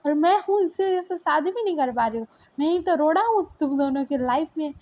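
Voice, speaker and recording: A woman's voice: high voice, moderate pace, darkish tone, lo-fi sound, natural voice. A woman voicing a hurt, jealous young princess who answers with sarcastic, taunting questions.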